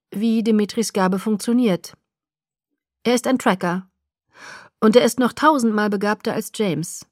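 A woman reading the lines of a confident young male vampire, calmly explaining a plan in a dry, close recording. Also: mid-range voice, dry recording, natural voice.

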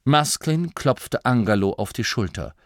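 A man narrating an audiobook in an expressive, animated way. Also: mid-range voice, a little slow, no room sound, studio quality.

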